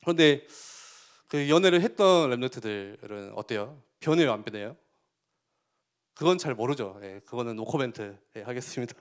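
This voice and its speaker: Animated man preaching to teens. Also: mid-range voice, normal speed, clean tone. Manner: animated, asks the listeners questions; acts out quotes and feelings with sudden loud bursts. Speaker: youth pastor. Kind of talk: youth sermon.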